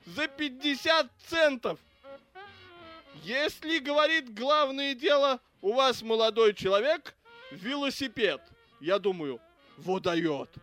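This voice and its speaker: A man's voice: very high-pitched, lively intonation, slow, fairly bright tone, soft background music, heavily acted. A man reading the part of a foul-mouthed, grudging police officer who rants and curses about his stingy in-laws. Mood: ranting. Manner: crude, ranting, cursing. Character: foul-mouthed grudging adult male cop. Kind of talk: audiobook character reading.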